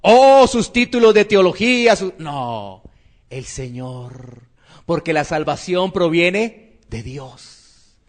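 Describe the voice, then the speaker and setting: A man preaching a sermon, asking rhetorical questions and swinging between emphatic and quiet phrases. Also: fairly high pitch, expressive, slow pace. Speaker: pastor.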